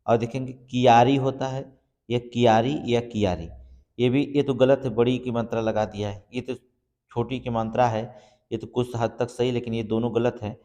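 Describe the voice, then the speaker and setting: A man with a medium-pitched, darkish voice gives an exam-prep lesson. Each answer is walked through step by step and then confirmed with a repeated check, and the room produces a long reverb.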